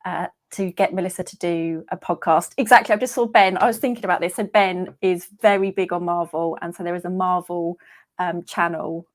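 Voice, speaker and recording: A woman hosts an online video-call session, sounding chatty and giggly and dropping lots of ums. Her voice sits on the low side with a steady tone, and she talks a little fast.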